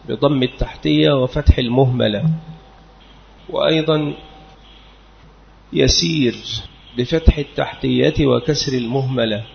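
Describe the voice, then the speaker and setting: A man teaching a scholarly lesson, spelling out each name letter by letter and vowel by vowel in a measured way. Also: medium pitch, gravelly. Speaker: teacher of hadith narrator names. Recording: lo-fi, dull recording.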